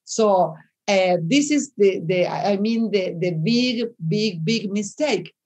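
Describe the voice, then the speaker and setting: A woman from Argentina, a native Spanish speaker, talks in English at a slow pace. She often gropes for words and restarts her sentences. Her voice comes over a video call in a webinar. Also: medium pitch, lively intonation, darkish tone. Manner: searching for words, frequent restarts. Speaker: panel guest writer. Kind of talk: webinar discussion.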